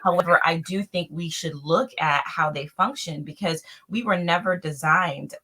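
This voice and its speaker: A woman in her thirties talks in an earnest, explanatory way on a discussion panel, pausing often on "um". Her voice sits a little low for a woman but comes across bright and forceful. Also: husky. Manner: earnest, explanatory, frequent fillers. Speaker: panel guest, nurse.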